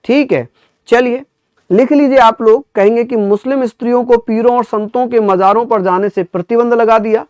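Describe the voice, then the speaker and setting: A male history teacher, drilling his students by repeating each question and answer. His voice sits high and rings clear, close to a dry mic. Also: dry recording. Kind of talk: online exam-prep lecture.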